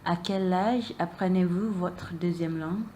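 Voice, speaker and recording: With a fairly low, warm voice at a measured pace, a young woman whose first language is Malay hesitantly asks interview questions as a student interviewer, using many fillers and repeated answers. A little hiss or hum is audible.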